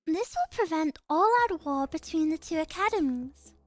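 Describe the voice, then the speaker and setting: A woman voicing a refined, grave schoolgirl leader in a game story, formal and measured. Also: very high voice, expressive, voice pushed down. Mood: grave, explaining. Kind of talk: visual novel game dialogue read aloud.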